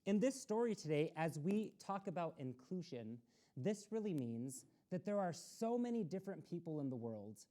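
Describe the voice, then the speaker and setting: A woman reads a picture book to children at normal speed, her lowish, warm voice very animated. Broadcasting from a community access TV studio, she speaks straight to the kids and encourages them.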